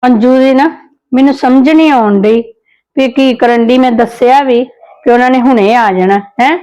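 A woman's voice: high voice, moderate pace, mellow, lo-fi sound, lightly acted. A woman playing a fretful household mother. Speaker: mother character.

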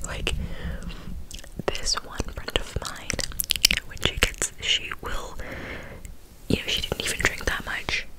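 A woman in her twenties telling a casual story in a breathy, unvoiced ASMR whisper, slow and deliberate with softly repeated words, very close to the microphone. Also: rough recording. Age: 20s. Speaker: ASMR creator. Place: small bedroom, indoors. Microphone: close-up handheld condenser microphone, cupped with a hand.

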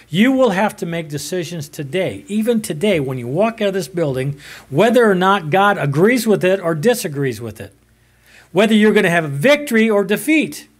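An older man preaching a sermon from a pulpit in a small church, emphatic and swinging from loud to soft. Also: a little high. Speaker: pastor.

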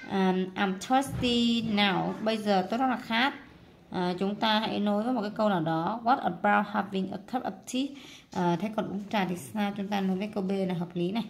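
Gravelly-voiced woman teacher, chatty and patient. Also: mid-range voice. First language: Vietnamese. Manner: chatty, thinks aloud with many fillers; spells out English words slowly. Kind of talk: workbook lesson walkthrough.

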